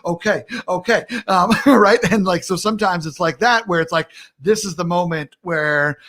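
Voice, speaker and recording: A male talk show host with a high voice, chatting casually on a live stream from home. He is upbeat and playful and laughs easily, like he is talking with a friend over a video call. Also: moderate pace, a bit bright. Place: home in Minneapolis.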